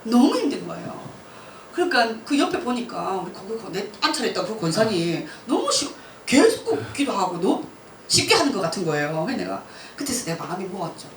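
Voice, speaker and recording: Lively woman giving a church testimony. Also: mid-range voice, gravelly. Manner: lively storytelling, laughs often, acts out her own past words. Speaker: missionary speaker. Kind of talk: church talk, personal testimony. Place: church hall. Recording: roomy church hall, mic from a distance, faint noise.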